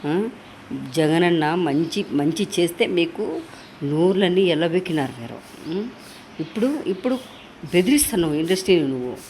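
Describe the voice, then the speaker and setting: A woman's voice: deep voice, a little mellow, a little hiss or hum. A woman in an angry political rant, scolding and insulting as she keeps demanding agreement. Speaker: political supporter.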